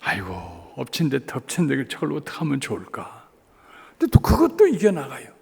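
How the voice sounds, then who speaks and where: A man in his seventies preaching a revival sermon in a church, telling a story, shifting between hushed asides and rising emphatic appeals. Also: medium pitch, huge pitch swings, moderate pace, vocal fry, slightly rough. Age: 70s. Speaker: guest revival preacher, pastor. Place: church sanctuary, evening service. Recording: long church reverb.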